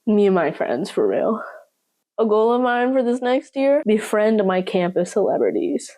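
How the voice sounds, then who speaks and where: A woman's voice: on the high side, a little mellow. Chatty young woman with a slight Southern accent. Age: young adult. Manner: chatty, playful, self-mocking. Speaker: vlogger. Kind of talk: casual chat to camera.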